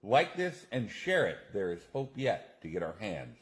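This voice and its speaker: A man hosting a casual news commentary vlog, slangy and excitable. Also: on the low side, moderate pace. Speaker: channel host.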